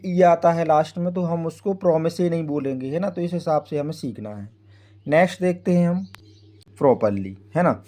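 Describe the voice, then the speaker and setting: A man's voice: on the high side, dark tone. A man teaching English phonics in Hindi, spelling words out letter by letter and often checking in with the listener. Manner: frequent tag "है ना" checking with the viewer.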